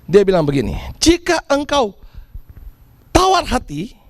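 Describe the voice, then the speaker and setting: A man preaching a sermon, dramatically acting out the people in his story with shouts and laughter. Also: sits high, unhurried, no echo. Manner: animated, acts out characters with shouts and laughs. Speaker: pastor.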